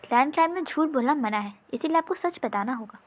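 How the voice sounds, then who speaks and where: Brief: woman playing a probing clan leader demanding the truth, high, pressing. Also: expressive, fast. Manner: questioning, pressing.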